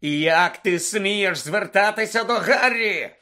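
A man reading an audiobook, voicing a vengeful male wizard who roars and rasps with contempt. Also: medium pitch, measured pace, bright, forceful tone. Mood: furious. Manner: roaring, hoarse, contemptuous. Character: furious vengeful male wizard, roaring and hoarse.

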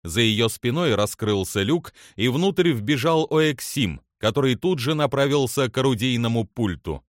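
Animated male audiobook narrator. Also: medium pitch, normal speed, hardly any pauses, no room sound, clean studio sound. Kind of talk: scripted narration.

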